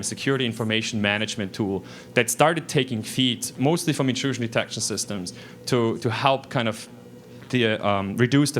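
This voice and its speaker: A man's voice: mid-range voice, a bit bright. A man, giving a technical presentation in a casual way, with frequent restarts and fillers. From Switzerland. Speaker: conference speaker. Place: lecture room.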